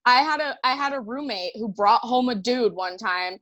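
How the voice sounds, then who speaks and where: A woman's voice: fairly high pitch, moderate pace, a bit bright, no echo. A brash woman co-hosting a casual podcast chat, telling stories and swearing freely. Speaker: podcast co-host.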